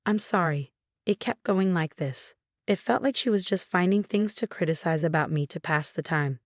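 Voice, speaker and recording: A woman reading a scripted first-person story in a calm, even storytelling manner. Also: lowish voice, moderate pace, dry recording, studio quality. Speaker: narrator.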